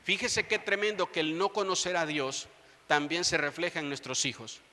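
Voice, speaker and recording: A man's voice: on the high side, steady tone, normal speed, sharp tone. A man in his thirties preaching a sermon as pastor, appealing directly to his congregation with rising fervor. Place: large church hall. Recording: long church reverb.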